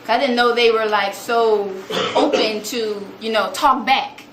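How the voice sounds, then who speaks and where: A young woman tells stories to a room, animated and quick to act out what people said. Her voice sits a little high. The room is echoey, and there is clear noise behind her. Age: young adult. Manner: animated, acts out quotes in a higher voice. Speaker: student speaker. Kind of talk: storytelling talk to an audience. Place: room with an audience.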